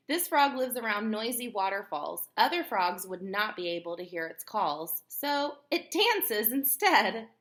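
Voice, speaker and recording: A woman teacher reads aloud for young children, slowly and in a mid-range voice. Her delivery is expressive and instructive, and she directs questions at the listener.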